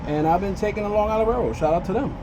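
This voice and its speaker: A man's voice: high voice, racing, background noise. A man talking casually on a walking vlog at a train station, preachy and encouraging, a little out of breath, into a phone he holds. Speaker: vlogger.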